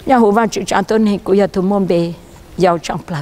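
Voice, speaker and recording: A male pastor preaching a sermon outdoors by a riverside, his voice often jumping higher and louder for emphasis. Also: steady tone, brisk.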